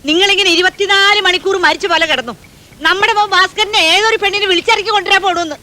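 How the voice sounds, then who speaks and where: A woman's voice: very high voice, fast, sharp tone. An actress playing a melodramatic, nagging mother in a comedy film, lamenting. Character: wailing, melodramatic middle-aged mother. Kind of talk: Malayalam comedy film acting.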